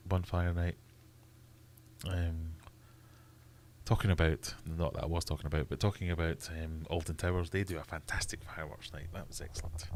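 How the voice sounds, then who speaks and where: A man's voice: low voice, slight background noise. A Scottish man hosting a casual livestream, chatting and reading viewer comments aloud with frequent laughs. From Scotland. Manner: chatty, laughs often, reads chat aloud. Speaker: livestream host.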